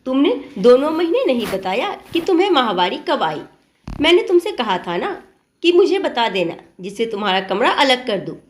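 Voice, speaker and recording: A woman's voice: sits high, very animated, moderate pace, a little hiss or hum. A woman voicing a strict, traditional middle-aged mother-in-law who lectures and scolds in a storybook tale. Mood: lecturing.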